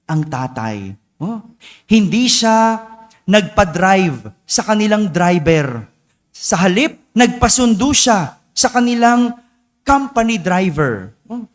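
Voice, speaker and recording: A male priest tells a story during a homily, speaking slowly in a high voice. He often ends lines with a questioning "no?". His voice rings with a long church reverb.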